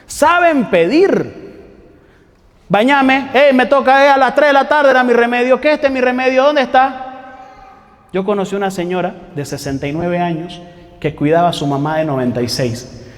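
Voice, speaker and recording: A man's voice: high voice, a little mellow, long reverb tail. A man preaching a sermon, talking conversationally with rhetorical questions and mocking quotes of what people say.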